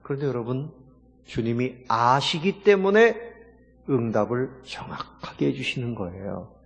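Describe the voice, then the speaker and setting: A man's voice: mid-range voice, big pitch swings, a little slow, vocal fry, in a large hall. A man preaching a sermon as pastor, emphatic and full of rhetorical questions to his congregation.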